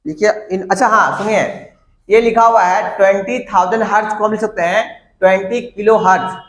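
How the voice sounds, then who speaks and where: A high-voiced man teaches in a classroom, repeating key words for students to copy down and often checking that they follow. The sound bounces around the room. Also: fairly even intonation, fairly quick, fairly bright tone. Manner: repeats and dictates terms to students, asks them questions. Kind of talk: classroom lecture. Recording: echoey classroom.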